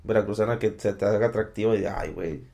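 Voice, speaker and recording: A man's voice: on the low side, quick pace, dark tone. Chill young guy from the north, slangy, teasing his friends. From Mexico. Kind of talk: casual chat.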